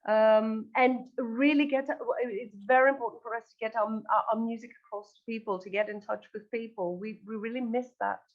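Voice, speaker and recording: A woman from northern Greece, a band singer and lyricist, answers interview questions earnestly and hesitantly, repeating words. Her voice is on the high side and steady, brisk with few pauses, and the sound is lo-fi.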